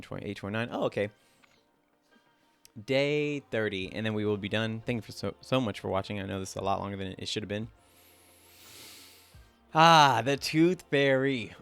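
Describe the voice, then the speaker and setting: A young man casually talking through his own drawings as host, rambling and self-critical, with lots of "like" fillers. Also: fairly low pitch. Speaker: artist and channel host.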